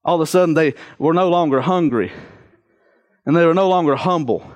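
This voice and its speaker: A man's voice: fairly high pitch, fairly quick, lo-fi sound. A man preaching a sermon in an earnest, exhorting manner, repeating phrases for emphasis.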